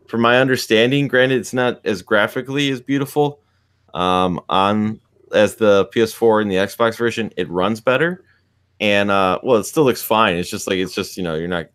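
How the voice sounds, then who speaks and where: A man talks through a casual video call, wandering through his point with restarts and fillers. His voice sits a little low. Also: moderate pace, fairly bright tone, smooth. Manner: rambling, many restarts and fillers.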